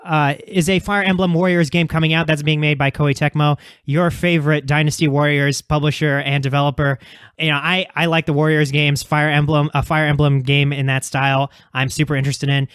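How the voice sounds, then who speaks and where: A man's voice: fairly high pitch, fairly bright tone, smooth, dry recording, clean studio sound. A man co-hosting a casual video game podcast, talking enthusiastically with lots of fillers and restarts. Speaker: podcast co-host.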